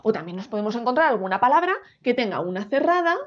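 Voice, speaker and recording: A woman with a Spanish accent from Spain, teaching a grammar lesson and sounding out words slowly, syllable by syllable. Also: on the high side, sing-song. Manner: slow, careful syllable-by-syllable demonstration. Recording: dull lo-fi recording.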